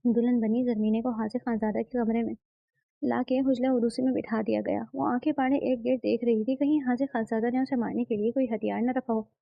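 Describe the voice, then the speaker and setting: A woman narrates a romance story in a steady, dramatic reading. Her voice sits a little high with a gravelly texture. The recording is dry and close, with a slightly muffled, lo-fi sound. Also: no room sound.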